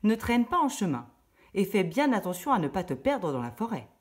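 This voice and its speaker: A woman's voice: medium pitch, sing-song, normal speed, voice pushed up, close to an everyday voice. Woman doing a caring storybook mother. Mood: cautioning. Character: caring young mother giving warnings.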